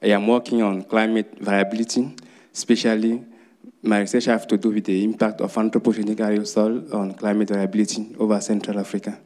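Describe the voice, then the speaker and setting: A man from Cameroon, an assistant professor, introducing himself at a workshop in a measured, deliberate way. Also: lowish voice, level tone, darkish tone.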